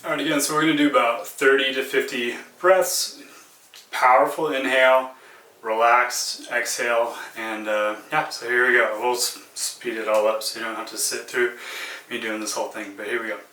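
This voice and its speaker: A man's voice: mid-range voice, fairly even intonation, a little fast, bright, forceful tone. A man casually talking viewers through a demonstration, in the loose style of a home vlog. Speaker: vlogger demonstrating an ice bath. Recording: echoey room, distant mic, clear background music.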